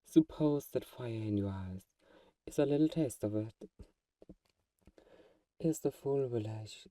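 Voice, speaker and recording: In an intimate audio drama monologue, a man plays a vampire whose voice is very mellow, dark-toned and slightly low. He teases his hunter friend possessively, with sighs and soft chuckles, in a teasing, menacing mood, lightly acted. The recording is very dry, roomless and echo-free, captured from a distance.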